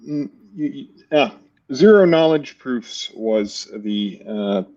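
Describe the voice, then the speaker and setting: A man's voice: medium pitch, animated, slow pace, mellow, muffled recording. A man in the audience asking a rambling, unsure question about proofs, trailing off at the end. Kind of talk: casual question.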